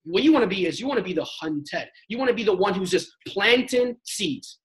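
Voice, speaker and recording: This network marketing panelist, a young man, coaches emphatically during a motivational sales training talk, speaking casually with slang and role-playing sample chats. His high voice is expressive, fairly quick, and a bit bright, captured on a low-quality recording.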